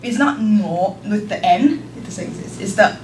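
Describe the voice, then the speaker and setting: In a classroom that echoes and hums with noise, a young volunteer language teacher from Hong Kong, a native Cantonese speaker, delivers a live lesson. Her mid-range voice has lively intonation and a normal pace, though she hesitates often with ums and light laughs. The camera recording her is distant.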